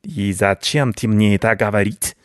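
A man's voice: medium pitch, expressive, normal speed, no echo, clean studio sound, pitched above the performer's own voice, natural voice. A man voicing a pompous, vicious male rat baron who talks in broken grammar, for a storybook reading. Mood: haughty. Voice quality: broken grammar, haughty and blustering.

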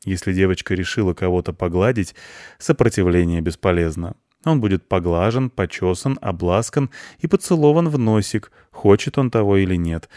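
Male audiobook narrator; low, calm, wry, dry close mic. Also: normal speed, no echo. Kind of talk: audiobook narration of a children's story.

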